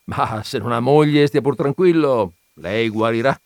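A man's voice: medium pitch, unhurried, darkish tone, no echo, studio quality, close to an everyday voice. A man reading an audiobook, voicing a fat, jovial middle-aged man who is garrulous and boastful, chatty and confiding.

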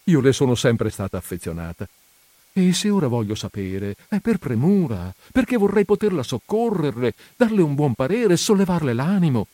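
Un uomo che interpreta una governante curiosa e insistente, tra suppliche e rimproveri, in un audiolibro. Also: male voice, medium pitch, animated, normal speed, warm tone, dry recording, close to an everyday voice. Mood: coaxing. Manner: pressing, coaxing and scolding. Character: nosy, insistent middle-aged housekeeper woman.

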